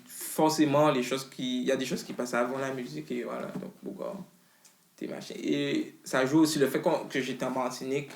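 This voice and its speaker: A rapper appearing as an interview guest talks in a loose, slangy way full of restarts, his mid-range voice creaky. It's casual interview chat, recorded with a roomy echo.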